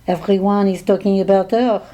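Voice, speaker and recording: A woman's voice: mid-range voice, moderate pace, natural voice. A woman voicing a chatty young French flight attendant with a thick French accent, eager to share gossip. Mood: excited gossip. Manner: excited, gossipy.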